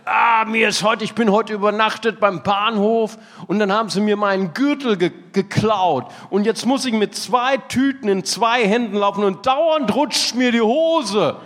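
A man's voice: high voice, brisk, hardly any pauses, in a large hall. A man voicing a grumpy, crude homeless man who curses and grumbles, told inside a sermon. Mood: complaining. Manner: gruff, cursing.

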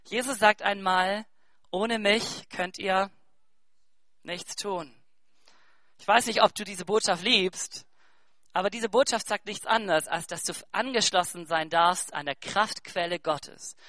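A man in his thirties preaching a sermon, swinging between soft asides and loud, emphatic bursts. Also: high voice, moderate pace, no room sound. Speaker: pastor.

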